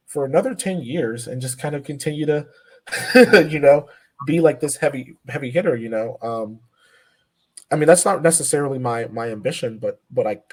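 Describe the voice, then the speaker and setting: A powerlifter in his twenties appears as a guest on a casual podcast interview, speaking earnestly with lots of fillers and restarts. His voice is medium-pitched with a darkish tone.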